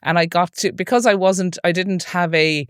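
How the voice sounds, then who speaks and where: Guesting on a relaxed podcast interview, this Irish-accented film producer in her forties from the west of Ireland, who speaks Irish, has a lowish, fairly even, somewhat bright and smooth voice at normal speed. The studio sound is clean with no echo. Her chatty stories wander into asides, sprinkled with "like" and "you know."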